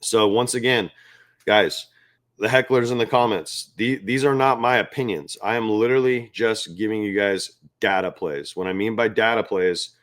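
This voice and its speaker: A man's voice: lowish voice, normal speed, fairly bright tone. A man hosting a sports betting picks show, talking loosely and with amusement straight to his viewers. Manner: chatty, loose and self-amused, talks straight to viewers as "guys". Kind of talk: casual talk to camera.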